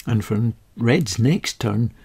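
A man speaking at an unhurried, deliberate pace, with a gravelly, husky edge to his voice. His tone is dark and mellow, and he talks in a measured, methodical way with a touch of dry understatement. It sounds like a close-mic voice-over. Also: mid-range voice. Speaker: game rules explainer. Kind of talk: slow explanatory voice-over.

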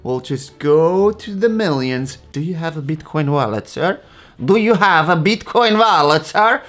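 A man's voice: on the high side, animated, a little slow, a little mellow, soft background music, pitched above the performer's own voice. A man voicing an overly friendly male online trading scammer with sugary, pushy sales patter.

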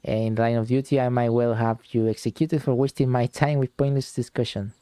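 A man's voice: mid-range voice, fairly even intonation, brisk, warm tone, clear, resonant tone, no echo, natural voice. A man reading as a pompous spoiled boy duke. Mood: haughty. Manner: pompous, commanding, insulting. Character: arrogant spoiled boy duke, haughty and scornful. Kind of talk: reading game dialogue aloud.

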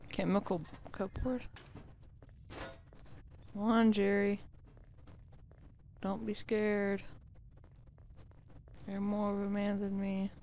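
A woman's voice: medium pitch, little pitch movement, slow pace, long pauses, darkish tone, a little hiss or hum. A woman giving let's play commentary, jumpy and swearing when startled. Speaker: gamer.

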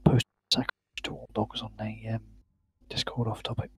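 Guy on discord, audio cutting out all choppy, rough husky voice, kinda mumbly. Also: fairly low pitch, completely flat delivery, fairly quick, no room sound. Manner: mumbled, quiet. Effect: choppy voice chat audio that keeps cutting out. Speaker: voice chat friend. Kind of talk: casual chat.

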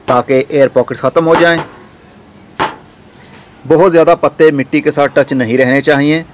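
A man with a mid-range voice hosts a casual gardening how-to from a rooftop garden outdoors. He guides viewers step by step, with slight background noise in the recording.

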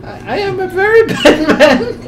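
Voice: extremely high pitch, animated, moderate pace, a crowd in the background, pitched above the performer's own voice. A gamer voicing an eccentric male scientist with a mock German accent, rambling mock-earnestly over a let's play. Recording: home recording with clear background noise.

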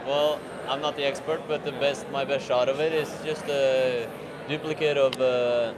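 A man's voice: mid-range voice, level tone, normal speed. A Norwegian man with a Norwegian accent, hosting a livestream and chatting casually in a hotel lobby, hesitant with many fillers. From Norway. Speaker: livestream host. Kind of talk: casual chat at a meetup. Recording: loud crowd chatter behind.

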